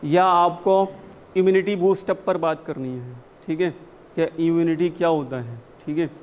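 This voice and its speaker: A man coaching spoken English in a classroom, mixing Hindi and English, drilling phrases slowly and urging students to read with energy. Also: fairly high pitch, highs cut off, slight background noise. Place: university classroom.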